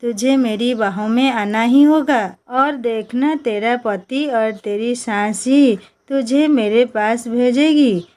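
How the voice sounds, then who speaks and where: A woman's voice: on the high side, slow pace, darkish tone. A woman voicing a lecherous, menacing fake holy man in a storybook reading. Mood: leering. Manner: menacing, leering.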